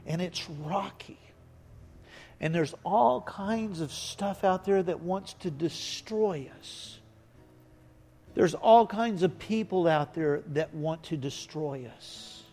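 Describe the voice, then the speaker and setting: In a church sanctuary, a pastor preaches a sermon, telling stories that build up to emphatic points. His voice is high-pitched with a darkish tone, slow and full of long pauses, and the recording is echoey with faint music in the hall.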